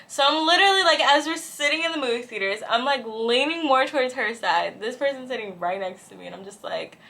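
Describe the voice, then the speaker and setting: A young woman vlogger chatting casually through a storytime as she gets ready, animated and profane, full of "like" and "bro". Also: high voice, a little fast. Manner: animated, swings between loud and hushed. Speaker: beauty and lifestyle vlogger.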